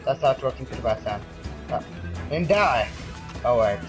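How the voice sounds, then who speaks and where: Crude, excitable young man gaming. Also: medium pitch, normal speed, music in the background, poor audio. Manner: crude, joking and excitable, swears a lot; talks back to game characters. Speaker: gaming video host. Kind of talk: let's play commentary.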